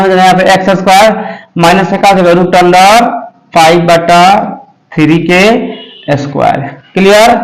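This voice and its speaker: A man teaches math at a coaching class. He works through each step slowly, repeating himself and stopping often to ask if it is clear. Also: high-pitched, poor audio. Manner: slow, repetitive explaining with frequent check-ins. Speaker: math tutor. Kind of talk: blackboard math lesson.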